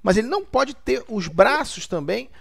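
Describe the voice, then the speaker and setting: A man's voice: very high voice, very animated, moderate pace, gravelly, fairly bright tone, exaggerated voice. A man co-hosting a comic sports chat, playing a clumsy pundit who stumbles and stammers over every name. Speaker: comedy show co-host.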